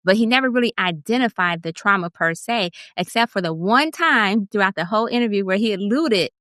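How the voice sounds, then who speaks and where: A woman's voice: mid-range voice, lively intonation, fairly quick, a bit bright, no room sound. Blunt, sarcastic woman on a dry mic. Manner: blunt, sarcastic, profane storytelling with mocking quoted voices. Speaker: podcast co-host. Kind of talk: casual podcast chat.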